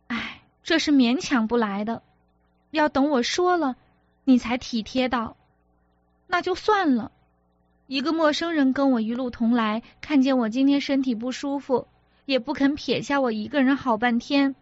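A woman's voice: high-pitched, moderate pace, dry recording, muffled recording, voice pushed up, lightly acted. A woman reader voicing a petulant, jealous young wife who talks in a reproachful, sulky way, as an audiobook character. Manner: reproachful, sulky, sharp-tongued.

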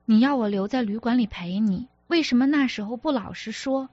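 A woman's voice: fairly high pitch, fairly quick, a little mellow, no echo, highs cut off, close to an everyday voice. A woman reader voicing an apologetic, exasperated young husband who pleads and defends himself, as an audiobook character. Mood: irritated.

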